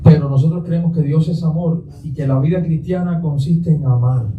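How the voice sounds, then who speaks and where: A man's voice: a little high, normal speed, echoey room, far from the mic, lo-fi sound, a little hiss or hum. A man pastor giving a Sunday sermon, putting questions to the congregation and answering them himself. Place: church sanctuary.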